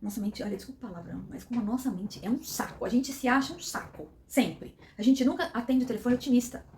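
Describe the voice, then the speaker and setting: A woman's voice: fairly high pitch, quick pace, a little mellow, slight background noise. A middle-aged woman, telling a personal story with emotion and acting out the dialogue. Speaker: vlogger.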